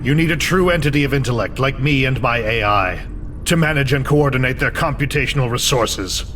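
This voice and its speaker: A man plays a vengeful, coldly fanatical imprisoned scientist in a video game cutscene, speechifying in a grandiose, declamatory, commanding way. His mid-range voice is expressive, fairly quick, and close to an everyday voice, with a little hiss or hum. Loud, dramatic music plays under him.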